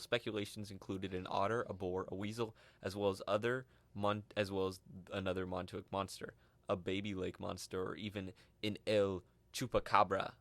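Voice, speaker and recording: Young man reading research, low voice. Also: gravelly, dry recording. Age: young adult. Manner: reads research aloud, stumbles over names, laughs often. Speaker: podcast co-host. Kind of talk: casual podcast chat.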